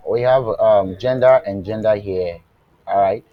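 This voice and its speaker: Over a lo-fi, echo-free recording, a man with a fairly low pitch leads a live online web development lesson. He asks the class "what?" to prompt answers and checks their understanding, talking slowly and deliberately with fillers and restarts. His voice occasionally turns faint on the remote connection.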